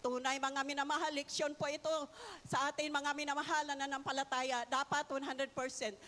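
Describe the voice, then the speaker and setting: A woman's voice: high-pitched, level tone, brisk, bright, forceful tone. An older woman giving a fervent church testimony, constantly calling out to the congregation and punctuating her story with hallelujahs. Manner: fervent, repeats "mga minamahal" and hallelujah. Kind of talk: testimony in a worship service. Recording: long hall reverb.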